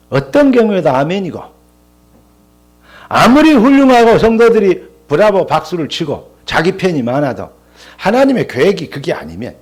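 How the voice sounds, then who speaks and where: A man's voice: a little high, husky. An older man, a pastor, preaching a sermon in church and telling stories with quoted dialogue. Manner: animated storytelling with quoted dialogue.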